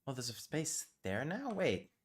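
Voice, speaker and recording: On his casual livestream, a man whose first language is British Sign Language mutters through his work, quick to exasperation and muttered swearing. His mid-range voice swoops wildly in pitch, unhurried and with a breathy edge.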